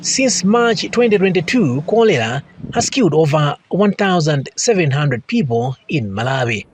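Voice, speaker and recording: A man's voice: fairly high pitch, very animated, moderate pace, a little hiss or hum. A man reporting a news story as scripted narration.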